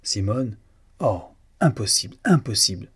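A man voicing a fussy, sugary old English forewoman in a dressmaking workshop, his husky voice lifted higher for her. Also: sing-song, measured pace, exaggerated voice. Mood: fussy coaxing. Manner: sugary, coaxing, then fussy.

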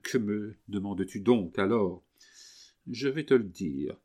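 A man's voice: lowish voice, expressive, measured pace, dark tone. A man voicing a guilty young husband who pleads fervently with his wife, in a French audiobook reading. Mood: pleading.

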